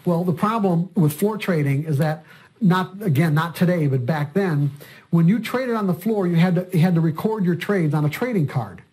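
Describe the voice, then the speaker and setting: An older man with a slightly high voice tells a long story in an interview. He explains things as a trading coach would. He often doubles back and repeats words as he goes. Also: expressive, normal speed, darkish tone.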